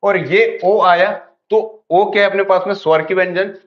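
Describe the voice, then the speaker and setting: Hindi-speaking teacher who quizzes himself aloud. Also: male voice, sits high, steady tone, normal speed. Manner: repeats questions and answers them himself. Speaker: English grammar teacher. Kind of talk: online class lecture. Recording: dull lo-fi audio.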